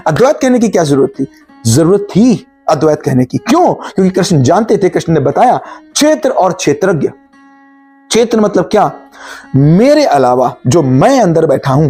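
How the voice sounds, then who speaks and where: A man's voice: high-pitched, mellow, breathy edge. A man giving a spiritual talk, asking rhetorical questions and answering them himself while speaking straight to the listener. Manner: addresses listener directly, earnest. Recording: faint music behind. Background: faint guitar music.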